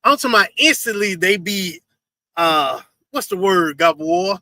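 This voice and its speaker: A man's voice: high voice, animated, moderate pace, no echo. A man hosting a casual livestream, commenting emphatically on a video and repeating his phrases. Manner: loud, emphatic, repeats phrases and laughs often. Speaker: host reacting to a video.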